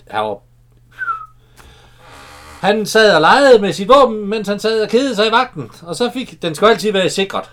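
A man's voice: high voice, lively intonation, pauses often, fairly bright tone, slight background noise. Chatty danish man swapping army stories. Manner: chatty storyteller, swears casually. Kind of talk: casual chat about an old film and army days.

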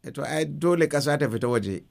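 A man's voice: fairly high pitch, lively intonation, fast talker, vocal fry. A man with a Nigerian Hausa accent hosting a radio interview, echoing and completing his guest's points. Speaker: radio host.

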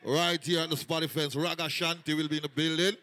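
High, bright party MC. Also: male voice, fairly even intonation, quick pace. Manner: hyped, rattles off party dates. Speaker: MC announcing upcoming parties. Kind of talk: party MC announcements.

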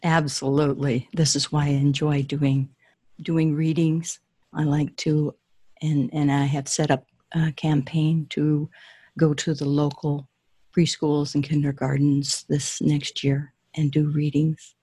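A woman who writes children's books talks eagerly about her readers, often restarting her sentences as she goes. Her voice is low and husky. The recording is dry and close. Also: level tone, unhurried, warm tone, no room sound. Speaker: children's author. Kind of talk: interview answers and storybook reading.

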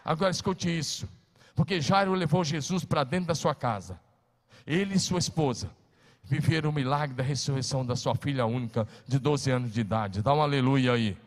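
A man preaching a sermon as pastor, emphatic, moving between loud calls and hushed words and having the congregation repeat after him. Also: fairly high pitch, normal speed. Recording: long hall reverb.

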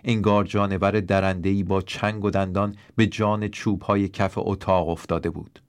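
A man narrates a first-person story in a measured, steady reading. His voice sits very low. The sound is dry and close, with no room around it. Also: clear, resonant tone, dry recording. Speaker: audiobook narrator.

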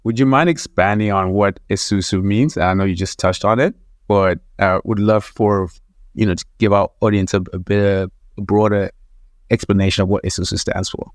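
Courteous male interviewer, lowish dry voice. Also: fairly even intonation, moderate pace, no room sound. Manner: courteous, appreciative. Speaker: interviewer, host. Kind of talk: polite interview questioning.

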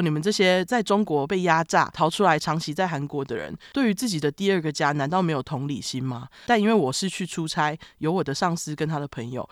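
A woman's voice: sits low, no room sound, clean studio sound. A woman with a Taiwanese Mandarin accent co-hosting a casual podcast, telling stories animatedly and laughing often. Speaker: podcast co-host. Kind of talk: casual chat, reading listener comments.

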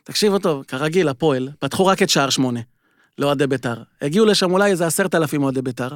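A man with a high, light voice tells stories with a lively, animated delivery. He is chatting casually on a sports podcast. His voice sounds dry and close to the mic. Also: no echo. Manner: animated storyteller. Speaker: podcast panelist.

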